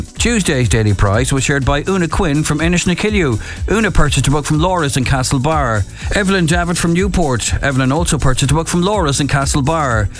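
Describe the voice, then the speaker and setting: Lively Irish male bingo caller. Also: a little high. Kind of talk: bingo calling, announcing numbers digit by digit.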